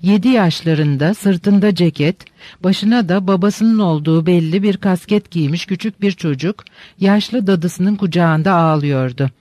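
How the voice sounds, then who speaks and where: A man reading a literary novel aloud in a measured, descriptive narration. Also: high voice, darkish tone, dry recording. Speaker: audiobook narrator.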